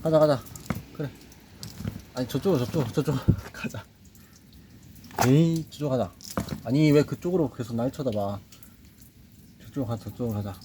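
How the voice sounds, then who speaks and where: A man's voice: mid-range voice, moderate pace, long pauses. Man, nervous muttering, coaxing, outdoor camera audio, noticeable background noise. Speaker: nature vlogger. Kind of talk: casual self-talk while handling an animal. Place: outdoors by a reservoir on a rainy day.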